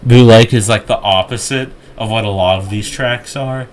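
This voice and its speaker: A man's voice: lowish voice, normal speed. A young man chatting casually while ranking game tracks, rambling with lots of restarts and jokey asides. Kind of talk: casual gaming chat.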